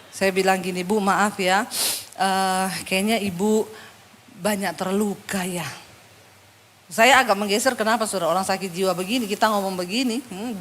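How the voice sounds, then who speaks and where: A middle-aged woman pastor preaching a lively sermon, telling a story and acting out the people in it with humor. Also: mid-range voice, a little hiss or hum. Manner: animated, acts out the people in her story with laughter.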